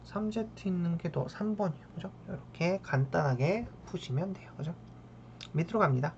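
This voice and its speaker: Low-voiced woman teaching math. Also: animated, normal speed, darkish tone. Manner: keeps checking in with a tag question after each step; talks to the math terms as if addressing them. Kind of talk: lecture working through problems. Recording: dull lo-fi sound with faint ambient noise.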